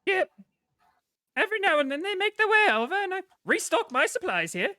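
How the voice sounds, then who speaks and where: Woman putting on a high-pitched hearty male innkeeper. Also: big pitch swings, brisk, bright, forceful tone, no echo, studio quality, exaggerated voice. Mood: hearty, obliging. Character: hearty, folksy male innkeeper, busy and forgetful. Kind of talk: tabletop role-play character voice.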